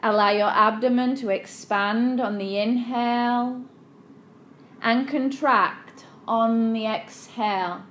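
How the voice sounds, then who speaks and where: A woman leading a guided relaxation meditation in a soothing, unhurried, instructional manner. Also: on the high side, steady tone, a bit bright, slight background noise.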